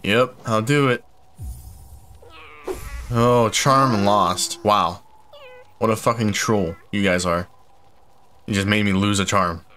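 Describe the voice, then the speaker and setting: A man's voice: fairly low pitch, takes it slowly, long pauses, sharp tone, a little hiss or hum. A man giving casual, profane let's play commentary, full of exasperated comic rants. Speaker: gamer playing through a game. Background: game music.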